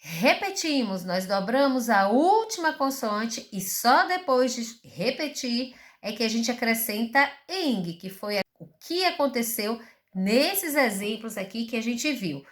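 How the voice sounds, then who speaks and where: A woman's voice: on the high side, sing-song, measured pace, a bit bright. A woman teacher with a Brazilian Portuguese accent giving a recorded school lesson, explaining patiently and asking rhetorical questions.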